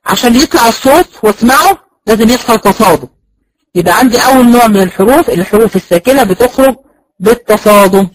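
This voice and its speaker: A man's voice: extremely high pitch, lively intonation, quick pace, no echo, rough recording. A man with an Egyptian accent giving a recorded lecture on Quran recitation. He explains step by step, asks and answers his own questions, and sounds out letters as examples.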